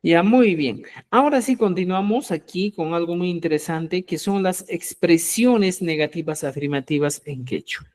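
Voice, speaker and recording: A man teaching a live online language class, explaining slowly and patiently and checking often that his students follow. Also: high voice, a little mellow.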